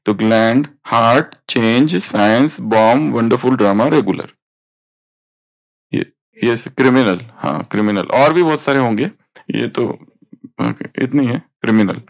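A man's voice: medium pitch, unhurried, vocal fry. A man teaching a spiritual study class, explaining points and prompting students to read aloud.

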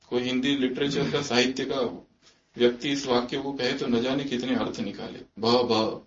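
A man's voice: mid-range voice, fairly even intonation. A man giving a religious discourse to a gathering, asking many rhetorical questions and slipping in English phrases. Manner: slips quoted English phrases into his talk. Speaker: spiritual teacher. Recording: echoey, muffled room recording.

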